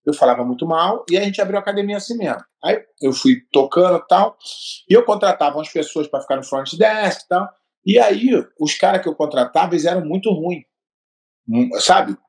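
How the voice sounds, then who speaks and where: Casting: middle-aged Brazilian man, somewhat higher voice, emphatic storyteller, casual talk. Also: lively intonation, fairly quick. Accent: Brazilian Portuguese. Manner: storytelling, emphatic, acts out dialogue. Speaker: gym owner and martial arts coach. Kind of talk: casual podcast chat.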